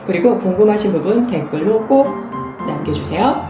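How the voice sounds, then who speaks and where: A woman's voice: mid-range voice, animated, normal speed, music in the background. A woman teaching English pronunciation in a friendly scripted lesson, speaking directly to her viewers. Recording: echoey room with faint background noise.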